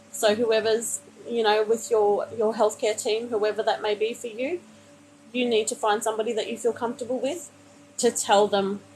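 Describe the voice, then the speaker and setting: On a live stream, a woman with a medium-pitched, darkish voice reads tarot cards for a viewer through a phone mic. She sounds soothing and calls the listener honey, but meanders with many fillers and restarts. The low-quality recording has a little hiss or hum.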